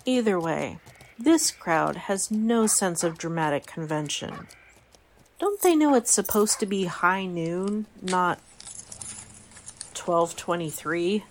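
A woman's voice: fairly low pitch, lively intonation, takes it slowly, a little hiss or hum. A woman playing a shrewd, commanding female gunslinger who leads her gang, dry and decisive, in a comic Western audio drama. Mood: wry, commanding.

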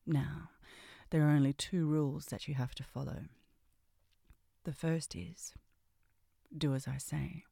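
A woman doing a sultry, seductive ASMR role-play, breathy and often dropping into a soft voice, with a teasing, commanding way of talking. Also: sits low, steady tone, unhurried, pauses often, dry recording, studio quality.

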